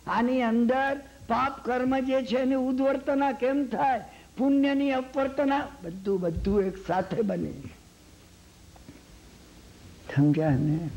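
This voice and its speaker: A man's voice: high-pitched, muffled recording. A man giving a Jain sermon in a Gujarati accent. He tells a long story, acts out the characters' lines and keeps asking his listeners if they follow. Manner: lively storytelling, acts out quoted lines, asks the hall "samjya ne?". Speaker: Jain lecturer.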